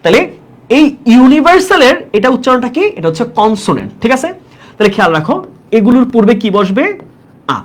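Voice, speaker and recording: A woman teaches an exam-prep grammar lesson in a fairly high, very animated voice that swoops up and down. She keeps checking with the class and repeats key words slowly to drive them home. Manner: asks the class frequent check questions. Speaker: English teacher.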